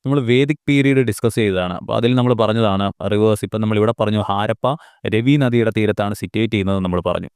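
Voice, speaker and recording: Male exam tutor, resonant low voice, repetitive question-answer drilling, dry recording. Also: fast, darkish tone, clean tone, dry recording. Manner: asks rhetorical questions and answers them himself; repeats key facts, mixing English terms into Malayalam. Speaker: exam coaching teacher. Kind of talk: recorded lesson.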